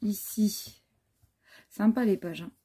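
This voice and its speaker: A woman chats casually through a handmade scrapbook for her viewers. Her voice is warm and a touch husky. She keeps stopping to admire the pages and fills her talk with small hesitations. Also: mid-range voice, measured pace. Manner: admiring, chatty, many fillers. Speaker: scrapbooking vlogger. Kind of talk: casual show-and-tell chat.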